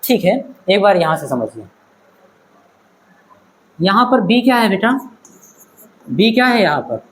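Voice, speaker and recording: A man's voice: high-pitched, big pitch swings, measured pace, fairly bright tone, slight background noise, rough recording. A man teaching a physics class in a classroom-lecture style, asking questions and checking that the students follow. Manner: questioning, checks understanding, calls students "beta".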